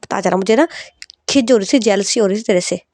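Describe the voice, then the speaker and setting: A woman's voice: mid-range voice, fast talker, darkish tone, no room sound, clean studio sound, natural voice. A woman voicing a jealous, hot-tempered young woman who scolds in a sulky, snappy way.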